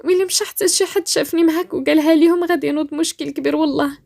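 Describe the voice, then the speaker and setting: A woman with a Moroccan accent voicing a frightened, desperate pregnant young woman who pleads and shouts through tears. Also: very high voice, quick pace, pitched above the performer's own voice. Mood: pleading. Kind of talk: storytelling voice-acting.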